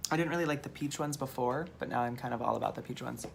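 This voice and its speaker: Talking fast on his vlog, a man from Minnesota tells a meandering story at his own expense. His voice is fairly high-pitched and slightly hoarse, and there's a bit of hiss or hum in the audio.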